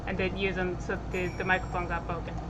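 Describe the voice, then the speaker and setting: A woman streamer chatting casually about games, recorded on a rough webcam microphone. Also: on the low side, level tone, quick pace. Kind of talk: casual gaming stream chat. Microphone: webcam mic. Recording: noisy cheap webcam mic, peaking.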